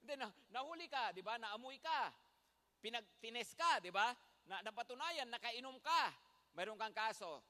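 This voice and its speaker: A man's voice: very high voice, lively intonation, measured pace, sharp tone, long reverb tail. A man with a Filipino accent, a pastor preaching a sermon in a church, telling stories in a chatty way and checking in with the congregation. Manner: chatty storytelling with laughs and "no?" asides. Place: church sanctuary.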